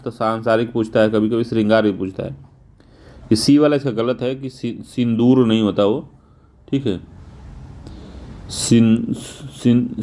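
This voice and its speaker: A male teacher going through exam answers, spelling words out slowly and repeating them, casual in tone. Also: on the low side, warm tone. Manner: informal, repeats "theek hai" often.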